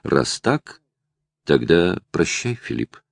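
A proud, resolute young woman in love, as a male narrator voices her speaks softly and with restraint. The voice sits very low and has a gravelly edge. The sound is close and dry. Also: very animated, slow pace, no echo, exaggerated voice.

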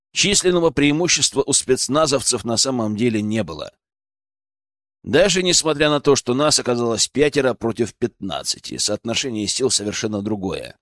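A man's voice: medium pitch, fairly bright tone, no echo, clean studio sound. A man reading a first-person audiobook with dramatic expression. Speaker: audiobook narrator.

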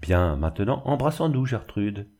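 A man's voice: on the low side, sing-song, moderate pace, mellow. A man doing an ardent young lover. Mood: earnest.

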